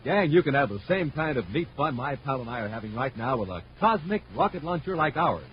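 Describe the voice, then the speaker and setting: Here a man with a natural, mid-range voice speaks briskly and very animatedly as an enthusiastic 1950s American radio announcer. He delivers emphatic scripted narration and a sales pitch for boys' space toys, all on a muffled, noisy vintage recording.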